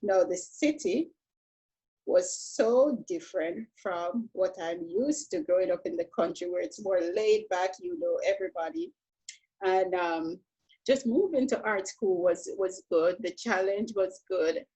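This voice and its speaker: A woman from Jamaica, a painter telling her story in a relaxed, reflective conversation, often saying "you know". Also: fairly low pitch, a little slow, husky, low-quality recording. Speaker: painter, interview guest.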